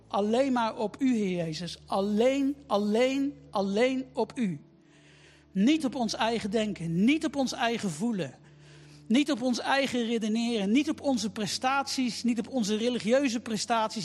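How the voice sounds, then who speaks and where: Preacher, male, very high voice, fervent repetitive prayer over soft music. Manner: repetitive, emphatic phrasing. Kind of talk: fervent spoken prayer and altar call. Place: church service.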